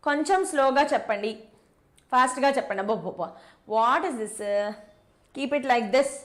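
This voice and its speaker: A woman teaches a live physics class in a high, bright-pitched voice. She talks briskly, repeats each step of the equation and slips English terms into her speech while answering students in the chat. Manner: brisk, repeats key steps, mixes English terms into Telugu. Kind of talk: live online lesson with chat replies.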